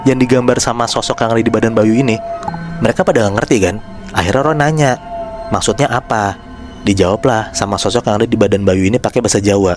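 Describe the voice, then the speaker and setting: A man hosting a podcast, telling a horror story in a relaxed, chatty way and addressing his listeners by name. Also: fairly low pitch, fast talker, over music. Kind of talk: casual spoken storytelling.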